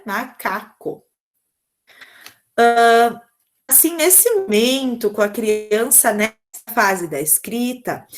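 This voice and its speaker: A woman's voice: a little high, a bit bright. A woman with a Brazilian Portuguese accent giving a recorded lesson over slides, explaining patiently and often checking in with the listener. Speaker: teacher giving a lesson on early literacy.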